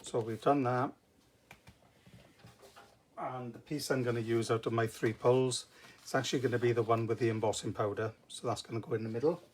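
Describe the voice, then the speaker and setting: A man's voice: mid-range voice, steady tone, brisk, long pauses. Welsh man demonstrating crafts, noisy recording. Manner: informal, step-by-step explaining. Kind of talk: casual live craft tutorial. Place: indoor craft table. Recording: noticeable background noise with clicks.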